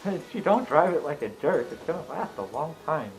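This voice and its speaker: A man's voice: fairly high pitch, sing-song, brisk, low-quality recording. A man chatting casually about cars in an emphatic, explanatory, jokey way. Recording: music in the background.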